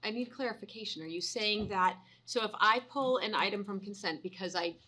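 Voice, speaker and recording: A woman councilor questions procedure in a council chamber, her voice bright and forward at a mid pitch. She circles her point with restarts and frequent "like" fillers. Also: fairly quick. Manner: probing, restarts and many "like" fillers. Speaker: city councilor.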